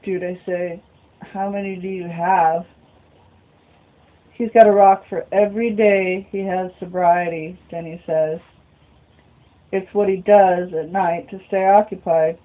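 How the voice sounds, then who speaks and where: A woman's voice: on the low side, fairly even intonation, unhurried, long pauses. A woman reading a novel aloud as a storyteller, muttering short asides to herself between passages. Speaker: reader. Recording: phone-like lo-fi recording.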